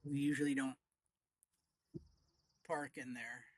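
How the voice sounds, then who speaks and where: A middle-aged man chats casually to viewers from his front deck. His voice sits at a medium pitch, and he rambles in short, leisurely phrases with pauses between them. The sound is dry and open, with no room echo. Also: flat delivery, slightly rough. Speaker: vlogger.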